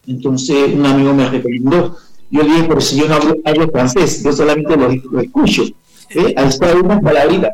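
A man's voice: fairly high pitch, a little mellow, echoey room, poor audio. A man, telling his life story as an interview guest, rambling with many fillers and restarts. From Panama.

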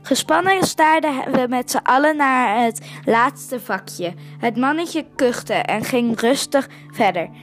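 A woman's voice: sits high, lively intonation, slow, faint music behind. A woman reading a children's story aloud, stumbling and correcting herself over words. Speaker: story reader.

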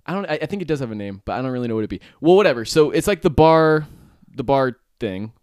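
A man's voice: medium pitch, fast talker, smooth, no echo, studio quality. A man in his twenties hosting a podcast, telling a rambling, profane story in casual chat. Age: 20s. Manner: rambling, profane, animated retelling with frequent laughs. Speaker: podcast host.

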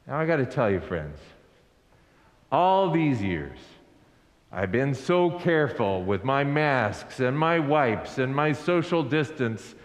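A male pastor preaching an Easter sermon in a slow, deliberate way. He asks the congregation to repeat lines after him. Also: mid-range voice, very animated. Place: church sanctuary. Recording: echoey hall with long reverb.

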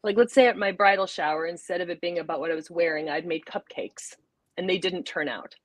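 A woman's voice: on the low side, a little fast, no room sound. A woman, a psychologist guest congested from a sinus infection, explaining things informally with everyday examples. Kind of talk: casual explanatory interview talk.

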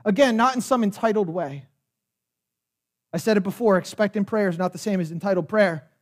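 A man preaching a sermon as pastor, passionate and building to shouted calls for the congregation to answer. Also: sits high, a little fast.

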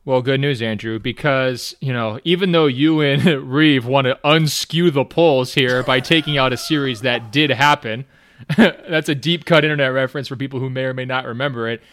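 A man's voice: medium pitch, moderate pace, fairly bright tone, no echo. Man teasing his co-host in dry banter. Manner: teasing and dry, reads out stats. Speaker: podcast co-host. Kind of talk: casual podcast banter.

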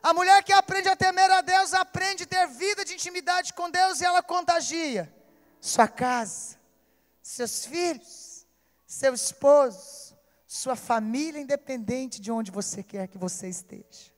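A Brazilian woman pastor preaches with a high, bright-pitched voice, swinging between loud, urgent appeals and hushed, tender storytelling. Her voice rings out through an echoey hall with a long reverb tail. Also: measured pace. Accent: Brazilian Portuguese. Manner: emotional storytelling, calls out to listeners. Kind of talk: sermon.

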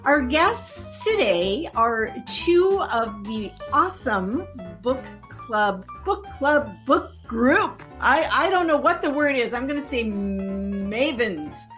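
A woman raised in Canada hosting a casual live-stream interview, chatty and quick to laugh. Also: fairly high pitch, lively intonation, fairly bright tone, faint music behind. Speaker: podcast host.

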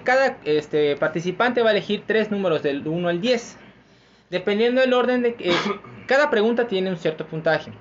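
A man with a Mexican accent hosting a casual trivia game among friends, laughing often and explaining the rules at length. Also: high-pitched. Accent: Mexican Spanish. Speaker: quiz host. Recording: muffled with faint background noise.

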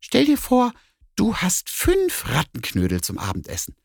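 A man voicing a cheeky, boastful female neighbor cat in a children's story, with a high, snippy manner. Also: huge pitch swings, unhurried, creaky, slightly rough, dry recording, clean studio sound, exaggerated voice. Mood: coaxing.

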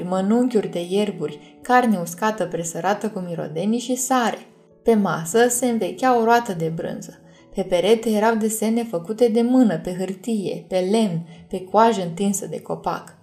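A woman narrating a fantasy audiobook in a calm, measured reading. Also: medium pitch. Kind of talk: scripted storybook narration.

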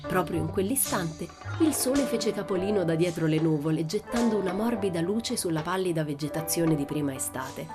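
A woman narrating a children's storybook in a steady, even storytelling manner. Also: on the low side, brisk, hardly any pauses, music in the background. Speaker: audiobook narrator. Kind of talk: storybook reading.

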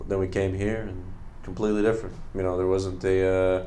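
A man's voice: sits low, little pitch movement, fairly quick, dark tone, slight background noise. A man in his late twenties from Bosnia, talking earnestly as a podcast guest, rambling with fillers. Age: late 20s. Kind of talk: casual interview talk.

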